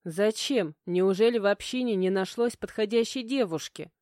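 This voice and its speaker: A woman's voice: mid-range voice, expressive, a little slow, warm tone, dry recording, clean studio sound, natural voice. A woman reading an audiobook, voicing a defiant, frightened young woman who talks back indignantly. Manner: indignant, pleading.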